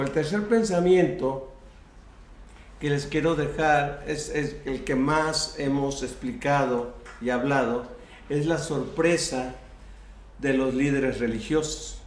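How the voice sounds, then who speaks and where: A man's voice: medium pitch, takes it slowly. A man preaching a sermon as pastor, acting out prayers and quoted speech, often restarting his phrases. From US-Mexico border region. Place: church sanctuary. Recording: echoey church room.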